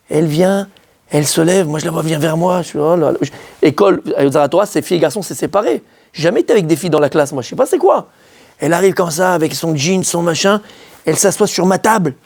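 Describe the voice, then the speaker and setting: A man from France, a rabbi, telling a personal story in a lively, animated way, often acting out his own words. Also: on the high side, vocal fry.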